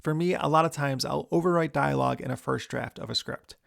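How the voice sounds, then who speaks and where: A man who hosts a screenwriting show, giving writing tips in a relaxed, chatty way. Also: medium pitch, brisk, vocal fry, dry recording, studio quality. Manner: relaxed, chatty, many fillers. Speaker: screenwriter and podcast host. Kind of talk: casual instructional talk.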